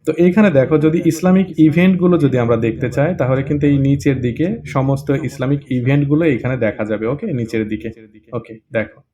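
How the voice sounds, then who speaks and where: A man's voice: mid-range voice, fairly quick, mellow. A man casually presenting an app tutorial, chatty, with frequent check-ins and hesitation fillers.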